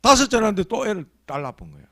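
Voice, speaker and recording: A man's voice: high-pitched, big pitch swings, very fast, fairly bright tone, no echo. A man preaching a Sunday sermon as pastor, telling stories in a colloquial, emphatic way. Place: church.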